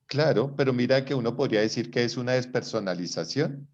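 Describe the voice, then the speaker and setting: A man's voice: medium pitch, a little fast. A man giving a live psychology class in a conversational way, often checking whether students follow. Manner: conversational, checks understanding with rhetorical questions. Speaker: psychology lecturer. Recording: dull lo-fi recording.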